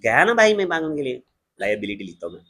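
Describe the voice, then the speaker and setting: A man with an Indian accent teaching an accountancy class in a joking, lively way, slowing down to dictate definitions. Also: medium pitch, husky. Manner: lively, joking, switches between Hindi and English, slows down to dictate definitions. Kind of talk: classroom lecture.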